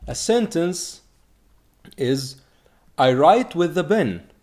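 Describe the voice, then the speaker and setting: Man teaching with lively pitch. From Egypt. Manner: slow, repeated drilling of words. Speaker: Arabic teacher. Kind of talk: language lesson.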